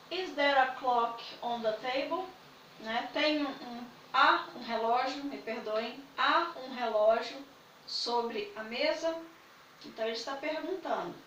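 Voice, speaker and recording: A woman's voice: high-pitched, unhurried, a bit bright, reverberant, far from the mic, a little hiss or hum, low-quality recording. A woman, patiently explaining English grammar in a video lesson and checking in with her students often. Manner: patient, repeats points with "né?" and "tá?". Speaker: English teacher.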